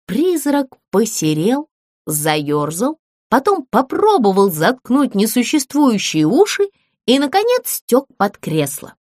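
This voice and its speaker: A woman reading a children's story aloud in a lively, expressive way. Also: a little high, takes it slowly, no room sound, studio quality.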